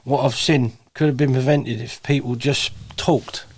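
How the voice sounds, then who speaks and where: A man's voice: mid-range voice, steady tone, measured pace, a little mellow, breathy edge. A man with a southeast English accent hosting an interview, talking earnestly and emphatically and calling his guest "bruv". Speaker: host. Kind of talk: supportive interview chat.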